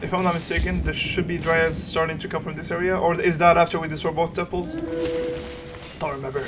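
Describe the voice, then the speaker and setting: A man with a fairly high voice commentates casually on a strategy game. He is offhand and sweary, thinking aloud, with clearly noisy game effects behind him. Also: fairly even intonation, fast. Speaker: gameplay commentator. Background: game sound effects.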